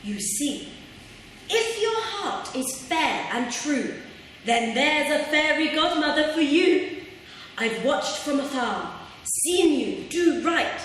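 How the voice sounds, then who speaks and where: A woman plays a mysterious, kindly fairy godmother on the pantomime stage. The voice is high and lilting, declaimed slowly and deliberately. It rings from far off in a big echoey hall. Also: fairly bright tone, exaggerated voice. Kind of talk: theatrical stage pantomime, partly rhyming. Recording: distant mic in echoey hall, faint noise.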